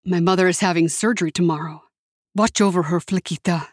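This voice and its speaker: A woman's voice: fairly low pitch, steady tone, a little fast, no echo, natural voice. A tough young man who speaks bluntly and coarsely, read by a woman. There is little change from the reader's own voice, and the sound is dry and close, as in an audiobook. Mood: hurried.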